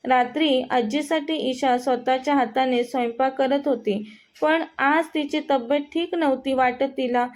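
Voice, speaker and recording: Woman storyteller, high voice, steady narration, romantic short story. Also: moderate pace.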